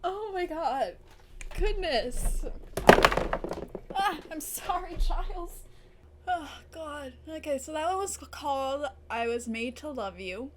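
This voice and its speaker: A woman's voice: high-pitched, expressive, takes it slowly, noisy background. A young woman hosting a TV reaction video, emotional and tearful, gasping, swearing and laughing through her upset. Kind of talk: episode reaction commentary.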